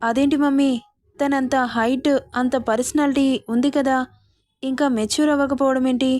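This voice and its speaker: A woman's voice: on the high side, steady tone, normal speed, a little mellow, dry recording, studio quality, close to an everyday voice. A woman reading the part of an affectionate, teasing young husband in a story.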